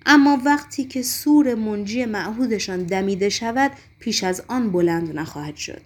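A woman's voice: mid-range voice, close to an everyday voice. A woman reading the lines of a shrewd secret-police chief in an audiobook, deferential and reassuring. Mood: composed. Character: calm, shrewd secret-police chief, middle-aged man.

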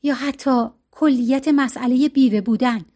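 Woman narrator, high voice, expressive audiobook reading.

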